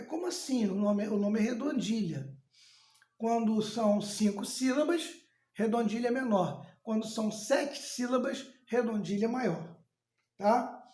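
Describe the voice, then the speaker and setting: A man's voice: very high voice, darkish tone. A male teacher, explaining in a lesson, repeating words and restarting often. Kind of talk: recorded classroom lesson. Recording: echoey room.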